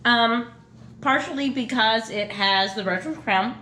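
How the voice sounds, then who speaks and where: A woman co-hosting a casual question game, chatty and thinking aloud with frequent pauses. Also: a little high, sharp tone. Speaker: channel co-host answering questions. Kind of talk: casual chat. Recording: echoey room with faint noise.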